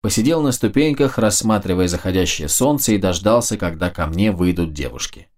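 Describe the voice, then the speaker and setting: A man narrating a fantasy audiobook in a steady, measured storytelling manner. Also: low-pitched.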